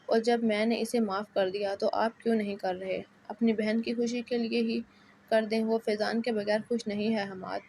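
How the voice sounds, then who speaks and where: A woman voicing an earnest young wife pleading for forgiveness, in a flat, level read. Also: fairly high pitch, slight background noise, close to an everyday voice.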